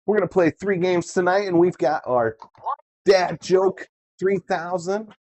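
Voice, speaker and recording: A man working as a bingo caller, hosting a live game with playful, excitable showmanship, repeating the numbers and chatting casually with players. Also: sits high, measured pace. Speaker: bingo caller and host of a live online bingo night. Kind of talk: bingo caller, calling numbers twice amid casual chat.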